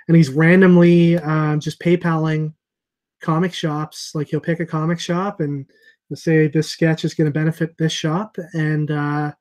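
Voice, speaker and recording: Here a man with a slightly high, darkish-toned voice hosts a casual video call from a room in his home using an earphone mic. He's in his thirties, owns a comic shop, and rambles a bit, with many fillers and restarts.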